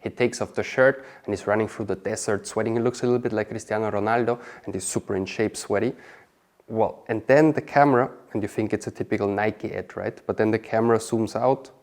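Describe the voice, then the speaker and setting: Man, low pitch, chatty interview guest, tag questions. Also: steady tone, brisk, a little mellow. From Austria. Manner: chatty, peppers speech with "okay?" and "you know". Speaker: interview guest, marketing specialist. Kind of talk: casual interview answers.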